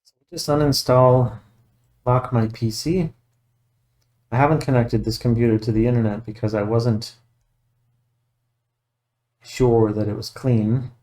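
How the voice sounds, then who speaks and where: A man's voice: medium pitch, steady tone, a little slow, pauses often, warm tone. A man working as a computer repair technician talks through a casual tech walkthrough, methodical and matter-of-fact, thinking aloud as he goes.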